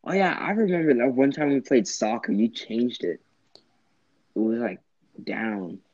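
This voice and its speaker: Teen boy, laid-back, quiet, trails off, dry and muffled lo-fi call sound. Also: medium pitch, very animated, unhurried, no echo. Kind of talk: casual chat. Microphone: video call. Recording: dull lo-fi call audio.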